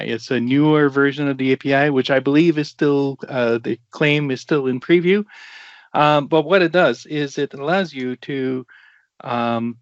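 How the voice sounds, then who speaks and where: A man with a French Canadian accent presenting a software demo on a video call, casual and joking, with many fillers. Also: medium pitch, dry recording. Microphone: video call mic. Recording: dull, dry video-call audio.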